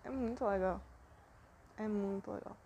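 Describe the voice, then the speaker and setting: A woman's voice: mid-range voice, normal speed, gravelly, dark tone, highs cut off, slight background noise. A young Brazilian woman hosting a personal podcast, talking in a rambling, self-deprecating and emotional way. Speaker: podcast host.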